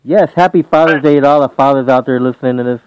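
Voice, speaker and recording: A man's voice: medium pitch, quick pace, a little mellow, smooth, no echo, lo-fi sound. A man in his forties hosting a casual radio interview, easygoing and asking simple questions. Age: 40s. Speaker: radio show host.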